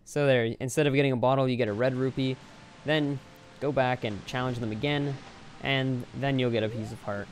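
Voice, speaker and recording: A man's voice: medium pitch, steady tone, fairly quick, slight background noise. A young man giving rambling, offhand, casual commentary over his own gameplay. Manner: rambling, offhand, self-deprecating. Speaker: Let's Play commentator.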